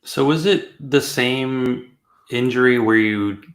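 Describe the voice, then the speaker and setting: A man's voice: medium pitch, slow, echoey room. A middle-aged man hosting a casual interview over a video call from a small room at home. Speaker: podcast host.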